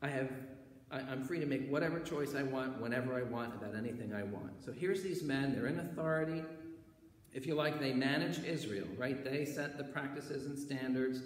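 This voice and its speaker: A man's voice: mid-range voice, moderate pace. A man preaching a sermon as pastor, in a conversational way, often checking in with "right?" and "okay". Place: church sanctuary. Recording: echoey church hall with faint background noise.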